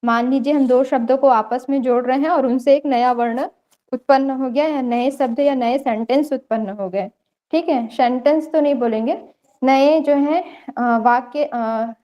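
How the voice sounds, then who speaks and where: Young woman lecturer, higher voice, keeps checking "ok?", muffled lo-fi online class sound. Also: a little slow, mellow. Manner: explains step by step, often checks with "theek hai". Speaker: yoga lecturer.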